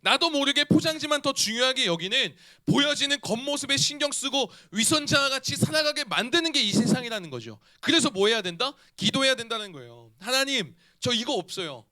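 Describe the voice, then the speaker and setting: High, lively male youth pastor preaching. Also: fairly quick, few pauses. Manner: animated, asks the listeners questions. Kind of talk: sermon. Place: church.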